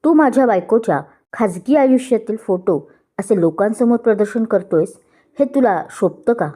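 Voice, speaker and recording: A woman's voice: a little high, lively intonation, normal speed, warm tone. Jealous angry husband, read by a woman. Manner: angry, accusing, raised voice. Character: young husband, jealous and hot-tempered.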